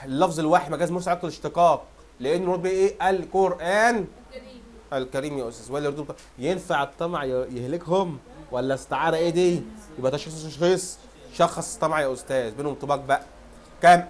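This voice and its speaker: Rapid-fire Egyptian man reviewing a lesson. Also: a little high. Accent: Egyptian Arabic. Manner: quizzes students, answers own questions. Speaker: Arabic teacher. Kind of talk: fast exam review lesson.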